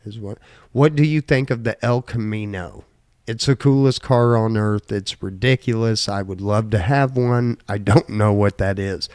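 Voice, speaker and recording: A man's voice: lowish voice, normal speed, a little mellow, smooth, dry recording, clean studio sound. A man with a slight Southern twang, hosting a casual podcast chat and reading quiz questions aloud in a laid-back way that includes casual swearing. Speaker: podcast co-host.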